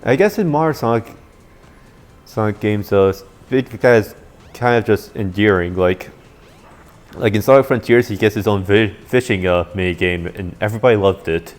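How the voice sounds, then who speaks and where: A man with a somewhat dopey-sounding voice gives casual, halting playthrough commentary, rambling and repeating himself. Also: fairly low pitch. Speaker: gameplay commentator. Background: video game music.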